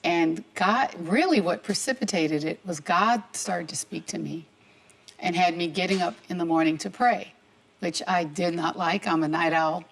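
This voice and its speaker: A woman's voice: on the low side, moderate pace, gravelly, poor audio. A middle-aged woman telling a personal story on a talk show, acting out the dialogue as she goes. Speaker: guest. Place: tv studio.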